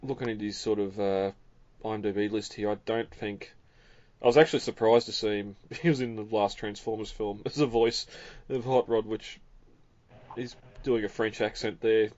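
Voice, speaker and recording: A podcast host chats in a relaxed, rambling way with frequent fillers and chuckles, then reads a scripted recap. His voice is lowish at a normal speed, and the recording is dry with dull audio.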